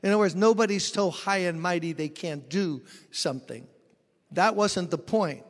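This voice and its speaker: A pastor with a high voice preaches at a moderate pace in a large hall. His sermon explains scripture and mixes in stories from his own ministry, an expository style built around personal anecdotes.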